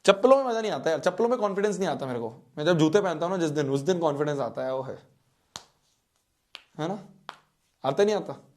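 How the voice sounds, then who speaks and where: A young man, a teacher telling a childhood story to his students in a playful, animated way. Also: fairly high pitch, fast talker, pauses often.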